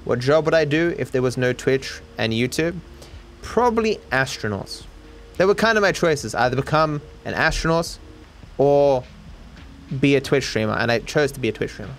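Over gameplay, a male streamer with an Australian accent talks casually to his live audience in a medium-pitched, expressive voice at a moderate pace. His humor is dry and sarcastic, and there's slight background noise.

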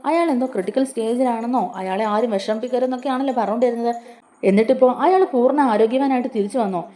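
A woman plays a middle-aged father, incredulous and questioning in a fast, mellow voice. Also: fairly high pitch, pitched above the performer's own voice, natural voice. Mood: shocked.

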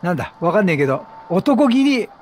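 Game music plays behind a male streamer bantering in slang with the characters during a casual, playful, reactive let's play. He has a high, sing-song voice with a darkish tone and talks briskly.

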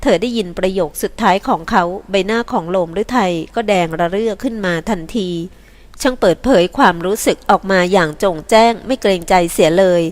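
A woman audiobook reader narrating a novel in a calm, even storytelling manner. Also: mid-range voice, brisk.

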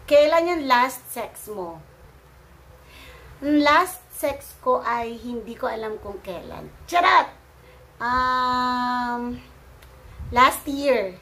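A woman's voice: on the high side, lively intonation, takes it slowly, a bit bright. A woman from the Philippines answering viewer questions in a playful, teasing way, laughing often. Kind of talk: casual Q&A vlog.

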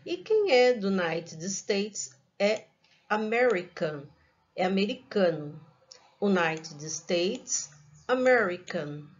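A Brazilian woman teaching an English lesson to young children in a recorded online class, speaking slowly and carefully and repeating each word. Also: medium pitch, big pitch swings, highs cut off. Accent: Brazilian Portuguese.

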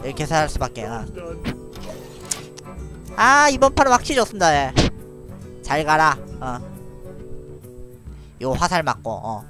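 A man streams a card game live, chatting with viewers, thinking aloud about his moves, and laughing a lot in little bursts. His voice is a little high, bright, and forceful, very animated yet at a measured pace with frequent pauses. Soft music plays in the background.

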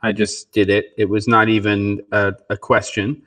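A man's voice: fairly low pitch, little pitch movement, normal speed, a bit bright. A man co-hosting a casual livestream chat, his voice echoing in a cave-like indoor room. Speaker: co-host.

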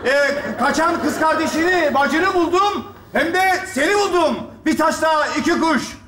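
Blustering high-voiced man on a stage. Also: normal speed. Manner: loud and blustering, shouting threats. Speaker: comic actor playing a vengeful rival. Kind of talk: stage sketch comedy. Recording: live stage with audience, echoey hall.

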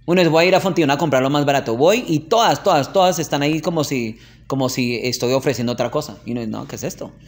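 A man's voice: medium pitch, quick pace, few pauses. A man giving an informal religious lesson in a classroom, chatty, often checking in with his listeners and telling anecdotes. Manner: chatty, asks "¿ok?" often, tells anecdotes with laughter. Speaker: religious teacher.

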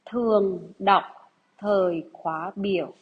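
Slow, husky woman teacher dictating. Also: medium pitch, phone-quality sound. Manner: deliberate, measured, repeats phrases. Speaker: primary school teacher. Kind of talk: slow dictation lesson for young pupils.

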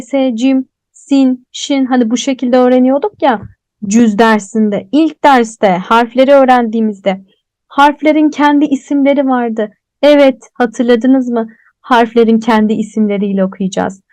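A woman with a high-pitched, slightly mellow voice and no echo teaches an online tajweed lesson on Quran recitation. She explains step by step, asks and answers her own questions, and draws out the letter names as she recites them.

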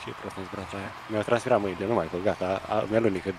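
A man's voice: on the low side, fairly even intonation, noisy background. A man chatting casually while playing a tournament match, cheering and groaning at the plays. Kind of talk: casual gaming banter.

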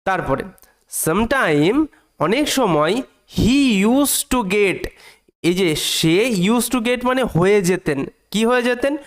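A man with a high voice and lively intonation teaches an English reading lesson. He splits each sentence into small chunks, repeats phrases, and draws the English words out slowly.

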